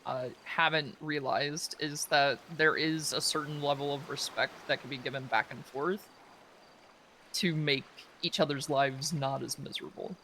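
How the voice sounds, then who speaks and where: A man with a fairly high, bright, forceful voice, speaking in character as an officer in a roleplay. He talks in a measured, hedging way, full of fillers. Faint traffic sounds sit in the background. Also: steady tone. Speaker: law enforcement officer in a roleplay.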